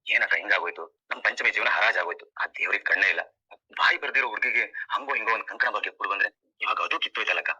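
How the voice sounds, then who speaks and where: A scheming young man, as a man acts him out, whining in false mourning with a husky, bright voice. He rattles along fast in an amateur dramatized serial retelling. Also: fairly low pitch, highs cut off, full character voice. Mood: fake sorrow.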